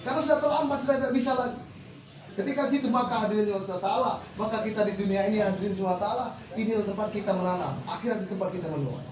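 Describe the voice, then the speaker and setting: A man with a high-sitting voice preaches a fervent, rhythmic sermon at rapid-fire speed, repeating set phrases to his congregation. Crowd noise fills the echoey hall, recorded from far away.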